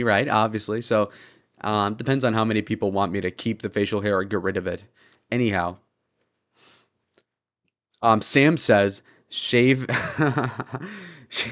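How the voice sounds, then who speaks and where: A young man streaming, talking fast in a casual, rambling, sarcastic way as he reads chat comments. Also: fairly low pitch. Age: young adult.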